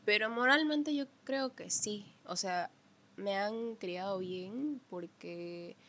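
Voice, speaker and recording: Woman telling lively family stories. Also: medium pitch, takes it slowly. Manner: animated storyteller who acts out family members' voices. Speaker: podcast guest. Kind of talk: casual conversation.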